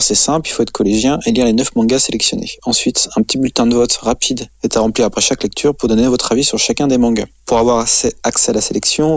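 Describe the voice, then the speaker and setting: Male radio columnist, gravelly, halting casual review delivery. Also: mid-range voice, no room sound. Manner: hesitant, many fillers.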